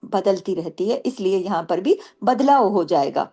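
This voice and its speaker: A woman teaching tajweed, explaining the rules step by step and reciting Arabic words slowly. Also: mid-range voice, animated, dark tone, slightly rough. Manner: explains rules step by step, asking and answering her own questions.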